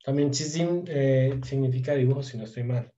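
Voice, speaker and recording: Man, language teacher, online lesson, mellow voice, lo-fi sound, lots of fillers. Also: mid-range voice. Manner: thinks aloud with many fillers; slow, drawn-out drilling of conjugations. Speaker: Turkish teacher.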